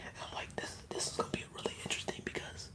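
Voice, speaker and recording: An ASMR streamer whispering in a casual, rambling, slangy way while chatting on a livestream. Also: rapid-fire. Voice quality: whispered, mostly unvoiced.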